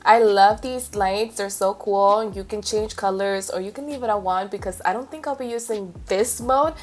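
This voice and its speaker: A woman's voice: mid-range voice, moderate pace. A young woman chatting casually and informally as she vlogs about home decor. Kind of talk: casual vlog chat. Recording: background music.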